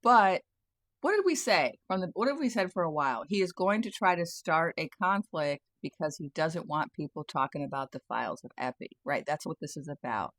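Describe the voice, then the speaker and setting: A woman's voice: deep voice, animated, brisk, fairly bright tone, dry recording, studio quality. A woman giving a casual satirical monologue about the news, often breaking into laughter and talking with sardonic glee. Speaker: tarot and spirit-guide commentator. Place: home, near a garage.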